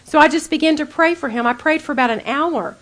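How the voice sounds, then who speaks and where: A woman's voice: sits high, fast. A middle-aged woman giving an earnest, conversational Bible teaching to a group of women, speaking directly to her listeners.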